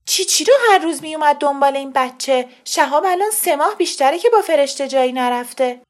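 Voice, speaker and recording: A woman reader voicing an indignant, sharp-tongued mother who speaks emphatically. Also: high-pitched, expressive, voice pushed up.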